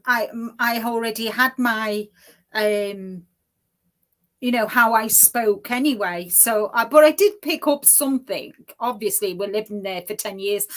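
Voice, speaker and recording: A woman's voice: on the high side, a bit bright. English woman, slight Liverpool accent. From England. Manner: reads viewer comments aloud, chatty. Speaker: host of a crochet livestream. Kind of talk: casual livestream chat.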